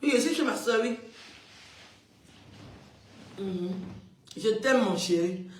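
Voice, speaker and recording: A woman's voice: a little high, expressive, slow pace, far from the mic. A woman talking casually on a live stream, chatty and emphatic, often repeating her phrases. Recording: echoey room, away from the mic.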